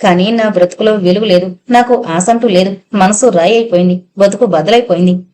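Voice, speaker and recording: A woman's voice: medium pitch, fairly quick, warm tone, lightly acted. A woman voicing a frightened young woman who speaks with despair. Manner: hopeless, pleading.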